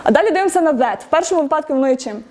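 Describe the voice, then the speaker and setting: A woman's voice: high-pitched, expressive, racing, a little mellow. A woman giving an interactive lecture at a tech meetup, quizzing the audience, laughing often and encouraging answers.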